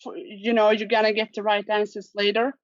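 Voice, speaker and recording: A woman hosting a casual online quiz over a video call, playful, reading her clues slowly and clearly. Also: mid-range voice, level tone, no echo. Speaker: quiz host. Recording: dull lo-fi video call audio.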